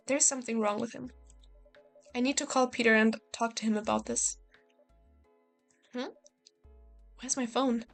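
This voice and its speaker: A woman playing a visual novel, reading the text aloud and adding casual, joking commentary. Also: fairly high pitch. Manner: casual, joking, swears and laughs at herself.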